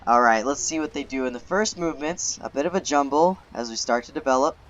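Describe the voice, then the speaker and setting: Esports caster, male. Sharp, bright tone, explanatory play-by-play, slightly muffled lo-fi sound. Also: medium pitch, fast talker, slight background noise. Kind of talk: live esports match commentary.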